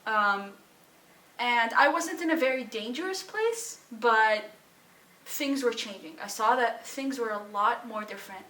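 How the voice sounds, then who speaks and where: Syrian-born young woman, halting testimony. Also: on the high side, animated, bright, forceful tone, echoey room, recorded from a distance, low-quality recording. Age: young adult. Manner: halting and emotional, with pauses, sighs and restarts. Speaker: student sharing her story. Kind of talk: personal testimony.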